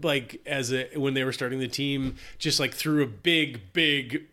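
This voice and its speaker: A man's voice: mid-range voice, steady tone, pushed and bright. A man in his forties co-hosting a podcast, telling anecdotes in casual sports chat and briefly putting on voices for jokes. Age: 40s. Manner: storytelling, puts on quick character voices for jokes. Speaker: podcast co-host.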